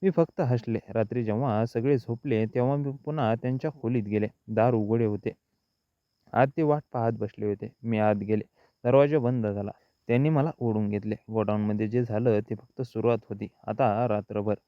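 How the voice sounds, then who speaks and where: A man narrating a story in the first person, in a slow and even scripted reading. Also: on the low side, no room sound. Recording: dull, lo-fi dry recording.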